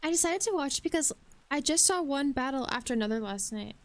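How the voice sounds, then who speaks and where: A woman's voice: high voice, animated, fairly quick. A young woman streamer chatting casually, reading chat aloud between comments.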